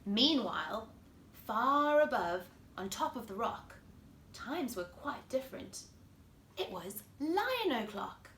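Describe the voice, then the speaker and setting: A woman from South Africa, with the accent to match, reads a picture book to children in her living room, addressing them directly and expressively. Her slightly high voice swings widely in pitch, moves slowly, and sounds a bit bright. The room is echoey, with background noise.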